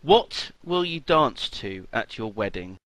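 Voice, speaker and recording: Podcast co-host, male, bright dry voice, jokey and profane. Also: mid-range voice, sing-song, slow, no room sound. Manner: joking, teasing, swears freely. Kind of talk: casual podcast banter.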